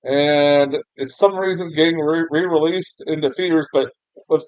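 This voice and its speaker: A young American whose first language is English gives a rambling, self-deprecating film review, heavy with fillers and restarts, frequent laughter, and mild swearing. His voice is a little high, steady, darkish, clear, and resonant at a moderate pace, recorded dry with no echo but sounding dull and muffled lo-fi.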